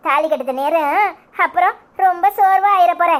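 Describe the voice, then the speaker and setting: A woman's voice: very high-pitched, normal speed. A woman voicing a caring, bossy family grandmother in a cartoon, speaking with a Kanyakumari Tamil accent. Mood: fussing.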